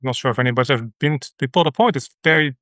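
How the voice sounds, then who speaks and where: A man from the Netherlands with a Dutch accent, a ministry leader recounting his story as an interview guest in an earnest, halting way with many fillers. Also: mid-range voice, fairly bright tone, dry recording. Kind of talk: conversational interview.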